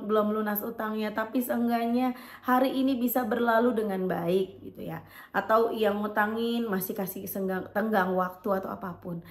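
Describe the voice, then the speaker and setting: Expressive woman in an echoey room. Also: on the high side. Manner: expressive, emotional, lively swings in loudness. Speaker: host reading a viewer's testimony. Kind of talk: reading a letter, then heartfelt talk to viewers.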